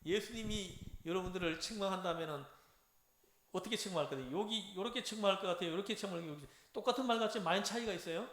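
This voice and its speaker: A man giving a lively Bible lecture, acting out lines and having his class repeat them. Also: sits high, racing. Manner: animated, acts out dialogue, has audience repeat phrases. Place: church lecture room. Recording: echoey room.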